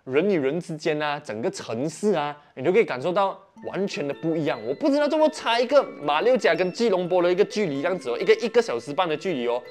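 A young Malaysian man with a Malaysian Mandarin accent, telling a casual story, animated and often asking "you know?". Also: fairly high pitch, fast, few pauses, faint music behind. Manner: animated, peppered with "OK" and "你懂吗". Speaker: vlogger.

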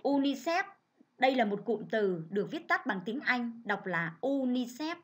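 A woman primary school teacher giving a reading lesson to children, reading clearly and measuredly. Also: mid-range voice, animated, normal speed, a bit bright.

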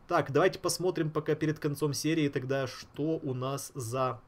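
A man's voice: fairly high pitch, moderate pace. A man giving casual, slangy gameplay commentary, thinking aloud and repeating himself. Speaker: gaming streamer. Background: game music.

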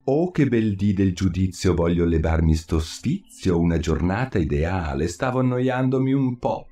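A man's voice: sits low, lively intonation, normal speed, mellow. A man voicing a bored, spiteful dog who taunts in rhyme in a storybook reading. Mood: taunting. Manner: sing-song rhyming taunts.

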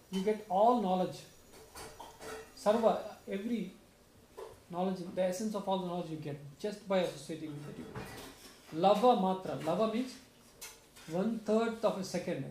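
In a home room with a shrine, a young man in a soft, low voice gives a devotional talk summing up a satsang for a small group, explaining earnestly and repeatedly asking "right?" A stand mic sits in front of him and a far camera films, so the audio has roomy echo and plainly audible background noise.

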